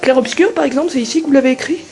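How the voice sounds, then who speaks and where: Woman playing mellow, polite culture interviewer. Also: high voice, racing, faint music behind. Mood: politely curious. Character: earnest, polite female television culture interviewer. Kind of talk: parody interview.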